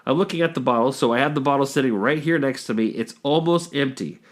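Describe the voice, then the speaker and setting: A man's voice: mid-range voice, fast talker. Rambling stuffed-up man podcasting. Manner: rambling, jokey, lots of fillers. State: congested from a cold. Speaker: podcast host. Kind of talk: casual chat.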